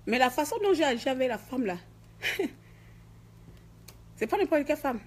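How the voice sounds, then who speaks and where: A husky-voiced woman rants to camera, emphatic and indignant. Her voice sits a touch higher than most women's. She tells her story dramatically, dotting it with "hein". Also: lively intonation, moderate pace. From Gabon. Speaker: vlogger. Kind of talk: ranting monologue to camera.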